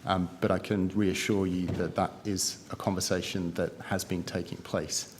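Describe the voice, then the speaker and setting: A man with a very deep voice gives careful, guarded answers to a committee. The sound rings with a long reverb from a large hearing room, with faint noise underneath. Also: flat delivery, moderate pace. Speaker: government official giving evidence. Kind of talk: formal testimony.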